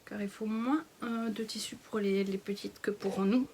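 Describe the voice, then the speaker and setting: A French woman in her thirties, a sewing vlogger, chats casually through a fabric haul at a moderate pace. Her mid-range, slightly mellow voice stays fairly even, and she hesitates with many fillers, often half-whispering. There's a little hiss or hum in the recording.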